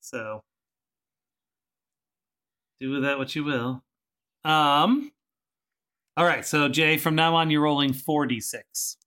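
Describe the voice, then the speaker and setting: A man with a bright, forceful voice sits at the head of a tabletop game and walks the players through the rules. He talks patiently, pitched a little high, and laughs easily. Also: slow, pauses often. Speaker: game master.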